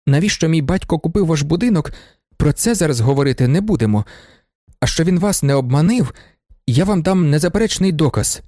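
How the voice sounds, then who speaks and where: Man reading a proud tense young guy, formal and pointed, fairly loud, dry mic. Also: on the high side, lively intonation, a little fast, no echo, pitched above the performer's own voice, lightly acted. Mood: stiff. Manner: formal, tightly controlled and pointed.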